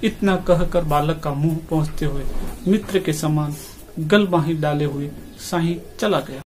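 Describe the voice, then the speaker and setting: A man narrating a classic short story in a measured, steady reading voice. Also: on the high side. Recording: faint background noise.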